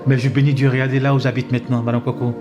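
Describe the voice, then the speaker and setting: A man's voice: mid-range voice, flat delivery, very fast, highs cut off. A man in his fifties, a pastor, giving an emphatic, repetitive sermon full of amens and hallelujahs. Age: 50s. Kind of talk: exhorting sermon talk with his wife. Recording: music playing underneath.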